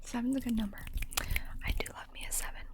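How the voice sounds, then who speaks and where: A woman whispering fast and softly in a chatty ASMR livestream, often repeating words in quick bursts. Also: on the high side, steady tone. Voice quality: soft, mostly unvoiced whisper. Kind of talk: whispered ASMR casual chat with viewers.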